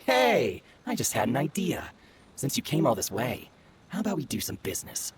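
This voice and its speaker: An actor playing a cocky, sneering young bandit bully in a video game, taunting and mocking. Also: male voice, mid-range voice, wildly swooping pitch, moderate pace, very noisy. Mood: smug. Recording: music behind the voice.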